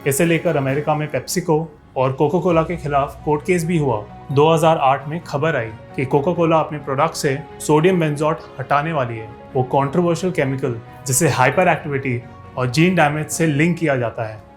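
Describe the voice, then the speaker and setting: A man's voice: a little high, moderate pace, soft background music. A man, a fitness YouTuber, narrating a scripted explainer. He speaks to his viewers, often asks rhetorical questions and adds sarcastic asides.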